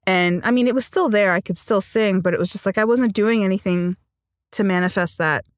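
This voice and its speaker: A woman's voice: medium pitch, fairly quick, no room sound, studio quality. A woman, a singer-songwriter from Sri Lanka, speaking earnestly and reflectively in an interview, often laughing. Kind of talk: conversational interview.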